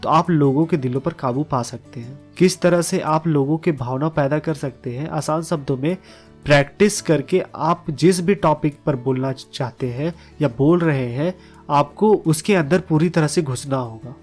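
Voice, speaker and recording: Male narrator, scripted explainer read, steady delivery, slightly high voice, soft music bed. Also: normal speed. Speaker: audiobook summary narrator. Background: faint background music.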